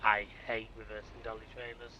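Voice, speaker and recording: A gaming YouTuber with a blocked nose from a cold plays a farming game, grumbling and muttering self-mockingly as he comments. His lowish voice is bright and forceful yet completely flat, and he talks a little fast. The rough recording carries game sounds and farm vehicle noise.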